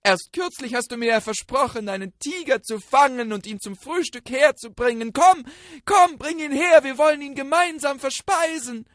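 A storyteller voicing a small timid deer who bluffs boldly in a fairy tale. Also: female voice, unhurried, no room sound, studio quality. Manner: high excited bluster.

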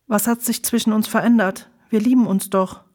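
A woman's voice: mid-range voice, steady tone, moderate pace, darkish tone, lightly acted. A woman reading the part of a volatile, reproachful woman who presses her lover with repeated, insistent questions in a storybook. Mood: hurt.

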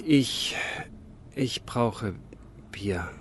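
A man's voice: on the low side, animated, drawn-out words, slight background noise. A man playing a desperate, flustered everyman who stammers while hunting for beer.

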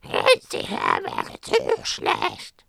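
A storyteller voicing an old male raven who croaks in a deep, gravelly voice. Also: takes it slowly, pushed and bright, no room sound, studio quality. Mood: weary. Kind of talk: storybook reading.

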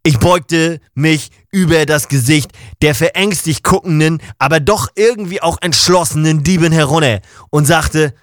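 A man's voice: fairly high pitch, moderate pace, hardly any pauses, no echo, studio quality. A man narrating a first-person audio story in a casual, colloquial and ironic way.

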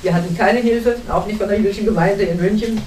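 A German woman in her seventies, a panel guest in a cinema hall, earnestly recounts memories, often restarting sentences as she searches for words. Her mid-range voice is fast and darkish, captured with a distant mic in an echoey hall with a little hiss or hum.

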